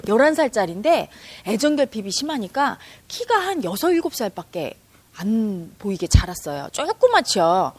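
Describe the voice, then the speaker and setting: A woman teaching meditation in a spiritual talk to an audience, expressive and acting out the dialogue she quotes. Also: a little high, dry recording.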